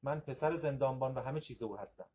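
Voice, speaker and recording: A man reading aloud the lines of a prisoner who claims to be the jailer's son, in a measured, gentle way, on a slightly dull recording. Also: medium pitch, breathy edge, close to an everyday voice. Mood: calm.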